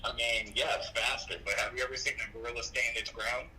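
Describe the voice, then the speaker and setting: Man heard through a phone on speaker, very bright tone, matter-of-fact explainer. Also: mid-range voice, little pitch movement, brisk, rough recording. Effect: speakerphone call. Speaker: phone-in friend. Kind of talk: casual chat.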